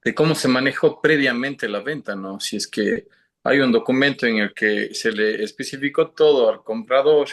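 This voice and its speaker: A man's voice: mid-range voice, moderate pace, a bit bright. A man student answering in an online class, hesitant and stammering with many fillers. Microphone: video call.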